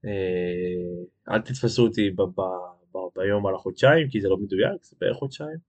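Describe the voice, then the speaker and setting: A young man chatting casually on a live stream, rambling with lots of fillers and restarts as he reads out viewer comments. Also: low voice. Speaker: page admin hosting a live stream.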